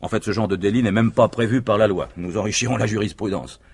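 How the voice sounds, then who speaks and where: A male actor plays a self-assured, scheming husband in a vintage French radio mystery, delivering persuasive, emphatic speeches in a husky voice. He speaks fast in a lowish register, sounding assured and cautioning.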